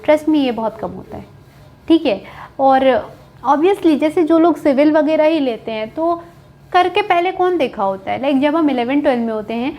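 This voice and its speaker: Brief: young woman, high voice, frank, chatty student-advice vlogger. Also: expressive, moderate pace, dark tone. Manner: candid, chatty, mixes English words into speech, keeps asking "right?". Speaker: coding educator on a video channel. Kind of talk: casual advice talk to students.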